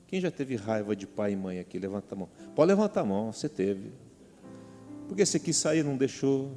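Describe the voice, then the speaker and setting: A man's voice: lowish voice, sing-song, fairly quick. A middle-aged man with a Brazilian Portuguese accent preaching a sermon as pastor. He talks animatedly, calls out to the congregation and acts out quotes. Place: large church hall. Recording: reverberant church hall with soft music.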